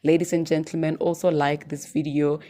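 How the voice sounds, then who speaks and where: A woman vlogger giving casual advice, often ending her points with "right?" and filling pauses with "um" and "uh". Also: low voice, level tone, warm tone. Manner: chatty, ends points with "right?"; many fillers and restarts. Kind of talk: informal advice monologue.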